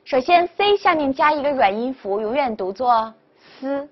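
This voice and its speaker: A woman teaching French pronunciation in a video lesson, upbeat and quick to praise, repeating each model word. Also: sits high, lively intonation. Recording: dull lo-fi recording.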